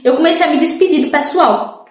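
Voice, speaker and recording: A woman's voice: sits high, fairly quick, a little mellow, echoey room. A young woman, casually telling viewers her life story and acting out what others said. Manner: chatty, often says "gente" and "tipo", acts out others' lines.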